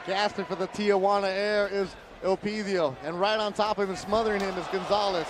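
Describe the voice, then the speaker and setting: A man's voice: high-pitched, fairly even intonation, a little fast. A man calling a mixed martial arts fight live as play-by-play commentator. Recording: noisy live arena with loud crowd. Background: crowd and event ambience.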